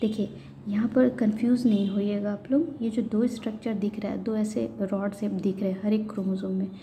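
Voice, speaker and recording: A woman teaching biology, explaining step by step in a patient lecture style with frequent pauses. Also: medium pitch, level tone, mellow. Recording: faint background noise.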